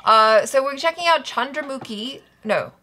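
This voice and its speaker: A woman's voice: high voice, animated, moderate pace, pushed and bright. A woman co-hosting a reaction video, chatting in a playful, self-mocking way. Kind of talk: casual reaction chat.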